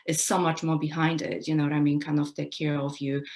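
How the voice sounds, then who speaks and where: A woman's voice: low voice, level tone, a little fast, darkish tone. A woman from Poland, a personal development coach, talking reflectively in an interview with many "you know" fillers. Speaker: guest coach. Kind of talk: casual interview talk.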